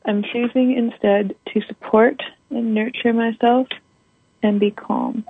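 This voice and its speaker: A woman's voice: fairly high pitch, steady tone, a little slow, slightly rough, dry recording. A woman calling in to a show, earnestly repeating affirmations after the host over the phone. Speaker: caller. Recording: tinny phone line.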